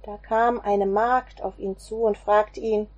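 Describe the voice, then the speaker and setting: Slow, expressive woman storyteller. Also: medium pitch, dull audio. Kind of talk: reading a children's Bible story aloud.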